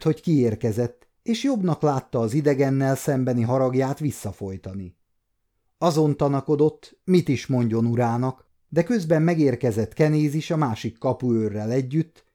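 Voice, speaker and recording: A man in his fifties from Hungary, reading a novel aloud in a measured audiobook narration. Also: mid-range voice, warm tone. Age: 50s. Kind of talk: scripted narration.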